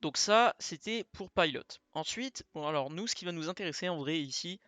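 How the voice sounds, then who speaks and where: A man's voice: fairly high pitch, lively intonation, moderate pace, bright, forceful tone, no room sound. A young man talking casually through a tutorial as he shows the screen, chatty, with many fillers and asides. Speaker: flight sim streamer.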